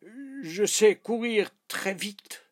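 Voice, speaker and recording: A man reading aloud and doing a boastful storybook king, childlike and bossy, who keeps raising his voice above the husky narration. The voice swings widely as he brags and gives orders, and the pace is slow. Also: mid-range voice, sing-song, full character voice. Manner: proud and commanding, often shouting.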